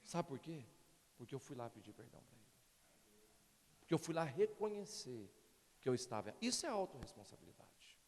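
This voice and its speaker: A middle-aged male pastor preaching a sermon, animated and constantly appealing to the congregation. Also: medium pitch, fairly quick, long pauses, big-room sound. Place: church.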